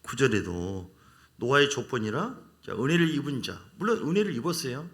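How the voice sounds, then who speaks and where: Gravelly, animated preacher man. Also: medium pitch, brisk. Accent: Jeolla Korean. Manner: animated preaching, acts out quoted voices. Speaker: pastor. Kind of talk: sermon.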